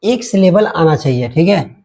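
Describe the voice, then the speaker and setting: Man teaching grammar, mellow tone. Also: on the high side, animated, normal speed, husky. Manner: spells words letter by letter, repeats "ठीक है" often. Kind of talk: online grammar lesson.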